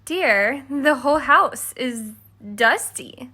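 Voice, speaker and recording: In a high, bright, pushed voice that is animated yet slow, a woman reads a scripted children's storybook aloud. She plays a haughty, exasperated stepmother telling her side with exaggerated, dramatic emphasis.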